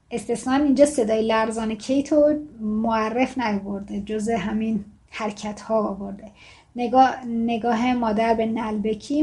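A woman's voice: fairly high pitch, darkish tone. A woman teaching fiction writing in a casual, explaining way, reading passages aloud in a more formal tone. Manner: explains casually, then reads excerpts in formal tone.

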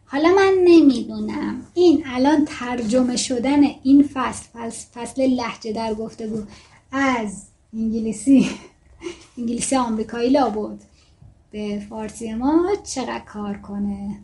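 Woman, native Gilaki speaker, mellow tone, relaxed lesson delivery with fillers and restarts. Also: on the high side. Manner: chatty, thinking aloud with fillers and self-corrections. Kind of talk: casual lesson, reading book excerpts aloud.

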